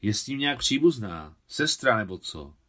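A man reading a novel aloud, voicing an eager young boy who talks in a hushed, worried way. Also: on the low side, big pitch swings.

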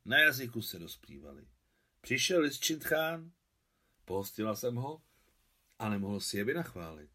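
A man's voice: medium pitch, very animated, long pauses, pushed and bright. A man reading aloud and voicing a fussy, nagging old village woman. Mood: chiding. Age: older. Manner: scolding, fussy. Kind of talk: audiobook reading.

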